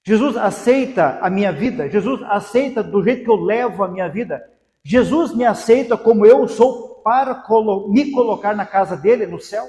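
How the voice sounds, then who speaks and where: A Brazilian pastor preaching a sermon in a high, ringing voice. His words echo through a large hall with a long reverb trail. He drives the message with repeated rhetorical questions. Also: normal speed, warm tone. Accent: Brazilian Portuguese.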